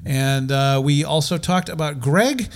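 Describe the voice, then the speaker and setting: A man's voice: on the high side, measured pace. A man hosting a casual comedy podcast, telling things in a playful, rambling, conversational way. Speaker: podcast host.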